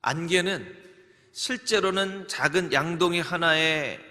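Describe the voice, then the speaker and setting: A man's voice: fairly high pitch, unhurried, sharp tone. A man preaching as pastor, leading the congregation through greetings and scripture recitation in an earnest sermon style. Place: church sanctuary. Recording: long church hall reverb.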